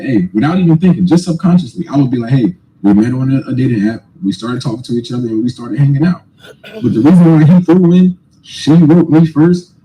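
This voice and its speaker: A man's voice: medium pitch, mellow, poor audio. A man giving casual commentary straight to viewers, slangy and emphatic, swearing and repeating his points. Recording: faint background noise.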